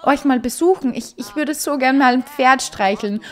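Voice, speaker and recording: A woman voicing Enola, an excitable, horse-crazy young Sims girl who gushes eagerly. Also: high voice, moderate pace, lightly acted. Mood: excited.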